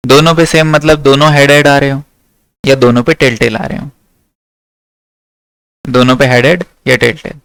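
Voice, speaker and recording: Smooth, crisp male maths teacher. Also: mid-range voice, steady tone, moderate pace, long pauses, a bit bright, no room sound. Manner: checks in with the class often. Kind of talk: classroom lecture.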